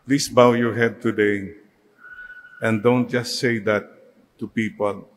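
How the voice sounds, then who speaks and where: A man's voice: on the low side, little pitch movement, slow pace, slight background noise. A Filipino man, a priest, preaching a sermon that mixes Tagalog and English and leads the congregation in call-and-response. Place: church. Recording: long church reverb.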